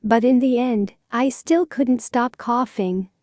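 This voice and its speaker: A woman with a fairly high voice reads a short first-person story in plain, measured sentences. Her delivery stays even and simple. The sound is close and dry. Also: dry recording. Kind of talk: slow read-aloud example story.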